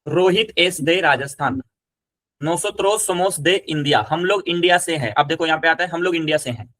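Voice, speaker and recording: A man's voice: fairly high pitch, normal speed, fairly bright tone, no echo. A man teaching Spanish, patiently explaining and repeating examples. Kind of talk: casual one-on-one lesson.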